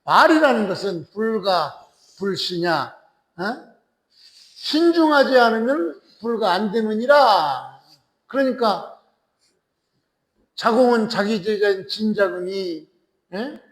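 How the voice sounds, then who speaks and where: Man teaching a classical text, deliberate and repetitive, constantly tossing quick prompts at the class; high voice, slow, recorded in a reverberant hall. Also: animated. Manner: checks in with listeners using frequent tag questions; slow and deliberate, repeating and restarting phrases. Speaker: lecturer on classical texts. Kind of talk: lecture explaining a classical text. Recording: echoey lecture hall with long reverb.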